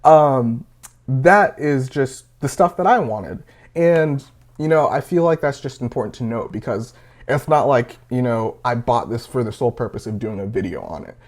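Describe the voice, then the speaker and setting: A man's voice: medium pitch, expressive, normal speed. Rambling nineteen-year-old guy reviewing gear. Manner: rambling, many fillers. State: a little out of breath. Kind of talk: casual product review.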